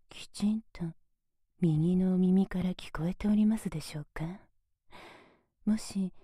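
Woman doing a fawning demon butler, breathy whispers ear to ear, super formal, low and slow. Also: dark tone, dry recording, clean studio sound, full character voice. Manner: extremely polite, servile formal speech. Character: devoted high-ranking demon butler, fawning and seductive. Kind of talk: whispered ASMR roleplay. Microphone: close binaural mic, left and right ears.

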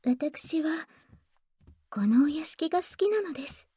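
A woman playing a gentle, devoted maid who soothes her master with formal politeness in a soft, breathy ASMR role-play. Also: sits high, expressive, measured pace, no room sound. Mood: calm, courteous.

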